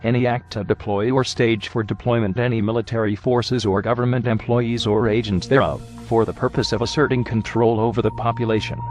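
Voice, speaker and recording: Disguised deep male voice, stern. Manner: stern, measured, legalistic. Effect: disguised, digitally deepened voice. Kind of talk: formal warning statement read aloud. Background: music.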